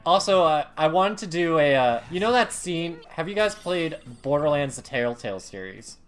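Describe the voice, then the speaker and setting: A man's voice: on the high side, lively intonation, normal speed, soft background music. A young man chatting casually on a game stream, telling a long story full of fillers and the odd swear word.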